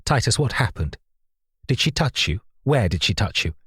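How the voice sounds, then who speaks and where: A man's voice: on the low side, sing-song, moderate pace, a bit bright, husky, no echo, clean studio sound, heavily acted. A man reading an audiobook, voicing the narrator's angry, accusing outbursts as a suspicious father. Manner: indignant, accusing.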